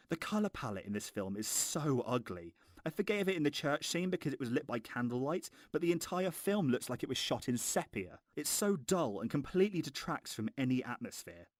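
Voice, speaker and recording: A man's voice: medium pitch, very animated, fairly quick, no echo, studio quality. A man narrating a scripted film review in a mocking, exasperated, sweary way.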